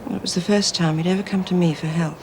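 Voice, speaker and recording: A woman's voice: on the low side, fairly even intonation, fast, noisy background, close to an everyday voice. Actress as wistful, resigned woman prisoner. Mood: resigned, pained. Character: resigned, self-sacrificing female prisoner. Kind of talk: television drama acting.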